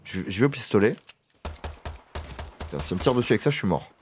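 A man giving casual gameplay commentary, excitable and swearing, chatting to his horse as he plays. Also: lowish voice, quick pace, slight background noise. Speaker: gaming video creator.

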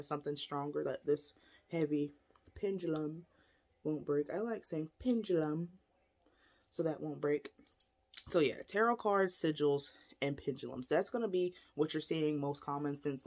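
A woman's voice: deep voice, normal speed, darkish tone. A woman casually explaining divination tools to camera in a chatty, rambling way, showing objects as she talks. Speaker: spiritual teacher. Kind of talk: casual teaching vlog.

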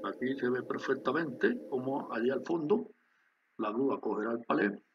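A man's voice: mid-range voice, expressive, normal speed, creaky. Man, screen tutorial narration, explanatory, faint background hiss. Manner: explanatory, addresses viewers with frequent "¿vale?". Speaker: instructor demonstrating a factory simulation. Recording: dull lo-fi sound with faint hiss.

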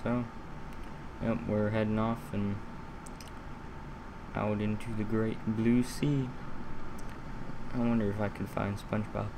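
A young man gives casual commentary over a video game in a slightly low, slow voice. He has a lisp and rambles haltingly, repeating phrases. The home recording has clear background noise. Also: little pitch movement. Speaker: gaming video host.

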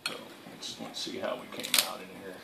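A man's voice: fairly quick, heavy background noise. A middle-aged man with a Southern US accent, casually narrating a backyard cooking video in a folksy, self-amused way. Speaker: cooking channel host. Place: backyard outdoors, then indoors at home. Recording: insects and crickets behind.

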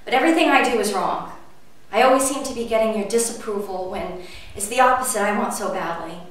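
A woman in her twenties acting a dramatic monologue as an anxious, hurt young woman, halting and earnest, with pauses. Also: mid-range voice, natural voice. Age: 20s. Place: indoor room with blue backdrop. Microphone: distant camera microphone. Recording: very echoey room, distant mic, faint noise.

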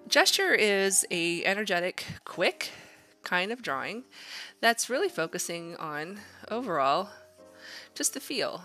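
An art instructor with a medium-pitched, sharp-toned voice narrates a drawing demo on screen. She thinks aloud casually, keeping things informal and encouraging.

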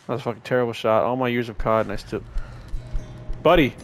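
A young man commentating as he plays a horror game, swearing often, talking to the game's characters and getting excitable when things go wrong. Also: medium pitch, very fast, faint music behind. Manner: profane, excitable, talks to the game. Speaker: gaming channel host.

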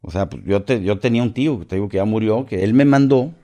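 On a podcast, a middle-aged guest from Mexico spins a story full of casual, profane slang, voicing the other characters himself in a Mexican accent. His voice leans low and warm, and he talks fast.

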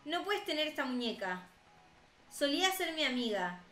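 Cartoon mom, stern and worried, read plainly by a young woman; bright, roomy sound. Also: high voice, very animated, moderate pace, faint music behind, heavily acted. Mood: urgent. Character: stern worried mother of a girl.

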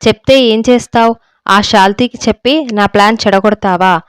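A woman's voice: mid-range voice, steady tone, brisk, clean tone, no echo, natural voice. A woman voicing a fed-up, defiant young daughter-in-law who speaks heatedly in a storybook reading.

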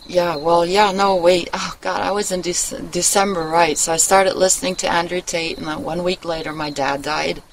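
A rambling, candid woman vlogger talks to camera from a wooden shelter in the woods, swearing casually in a confessional chat. Her voice runs on the low side with fairly even intonation, normal speed and few pauses. The recording is low quality, with clear outdoor noise behind her.

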